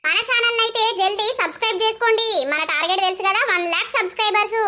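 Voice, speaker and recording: A woman's voice: very high voice, very fast, sharp tone, slight background noise. A woman with a Telangana Telugu accent, hosting a cartoon channel with a friendly, chatty intro. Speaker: channel host. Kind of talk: cheerful video intro. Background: music.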